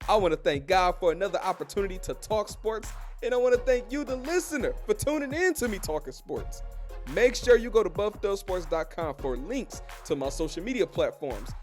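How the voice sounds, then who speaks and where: High-voiced, animated sports podcast man. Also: fairly quick, faint music behind. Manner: animated, talks straight to listeners, tells stories. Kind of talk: casual sports commentary.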